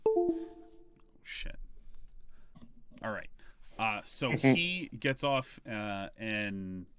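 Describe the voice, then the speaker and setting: A man narrating a tabletop role-playing game as game master, in a laid-back, halting way with frequent pauses. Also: fairly low pitch, animated, background noise.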